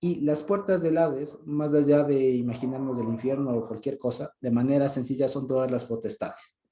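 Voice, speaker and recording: A man with an Ecuadorian Spanish accent giving an informal Bible teaching, speaking conversationally and often stopping to ask if he is understood, with soft chuckles. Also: medium pitch, reverberant, a little hiss or hum. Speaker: preacher.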